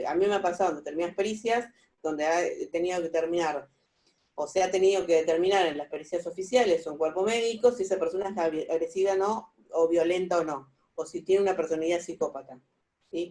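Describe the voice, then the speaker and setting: A woman with an Argentine Spanish accent giving a forensic psychology lecture over a video call, talking haltingly with many fillers and asking her listeners "¿sí?" again and again. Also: on the low side, dark tone.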